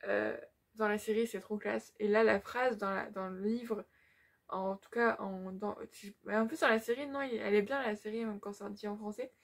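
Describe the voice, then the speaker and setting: A woman's voice: medium pitch, steady tone, moderate pace. A young woman giving a casual, chatty book-vlog update, gushing with lots of fillers. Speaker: book vlogger.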